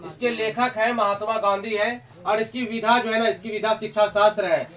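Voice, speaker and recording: A man's voice: high voice, fairly even intonation, a little fast, fairly bright tone. A young man teaching a classroom lesson, repeating points, quizzing students, scolding and joking with them. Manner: repetitive, drills students with questions. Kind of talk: classroom lecture.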